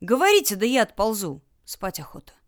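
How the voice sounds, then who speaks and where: A woman's voice: medium pitch, huge pitch swings, brisk. A blunt, hot-tempered tough man who barks his words, voiced by a female audiobook narrator. His delivery is coarse and curt. The voice stays near the reader's own. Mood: furious. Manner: barking, blunt. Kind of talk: audiobook character voice.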